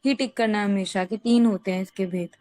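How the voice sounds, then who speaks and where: A woman's voice: medium pitch, fairly even intonation, fairly quick, a little mellow, no echo. A female student in a class, politely asking her teacher hesitant questions with fillers.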